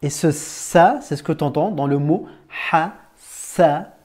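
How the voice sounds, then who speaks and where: Man, teacher, patient, informal, mellow tone, sounds out syllables slowly. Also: a little high, slightly rough. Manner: patient, informal, talks to one learner as "tu", checks understanding with "d'accord?"; slows down and stretches words to sound them out. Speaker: Arabic reading teacher. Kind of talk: Arabic reading lesson.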